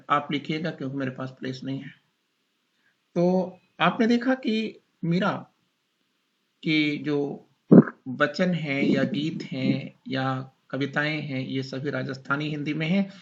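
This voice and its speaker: This teacher's voice is fairly high and a bit bright, though the audio is dull. He delivers a classroom lecture, dictating slowly, repeating himself, and quizzing his students.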